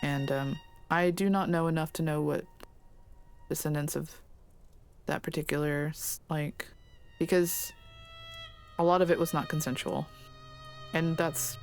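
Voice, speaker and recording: A let's play streamer from Louisiana chatting casually in a tangent-prone, self-deprecating way, swearing and laughing often. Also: mid-range voice. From Louisiana, USA. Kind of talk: casual rambling commentary.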